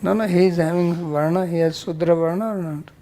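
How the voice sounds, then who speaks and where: A religious teacher with a rather high, dark-toned voice leads a verse-by-verse scripture session with questions and answers. Speaking briskly in a steady tone, he bluntly corrects people and explains Sanskrit terms word by word.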